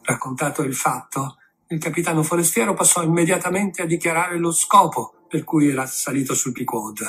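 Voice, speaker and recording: A man reading a classic novel aloud in a steady, literary narration. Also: on the high side, brisk.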